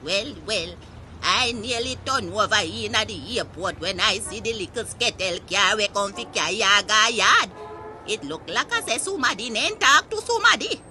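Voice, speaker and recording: A woman's voice: mid-range voice, expressive, normal speed, sharp tone. A woman playing a feisty, gossipy old Jamaican grandmother in a comic audio story, ranting indignantly and with exclamations in Patois. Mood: scandalised, amused. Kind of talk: comic monologue rant in Patois.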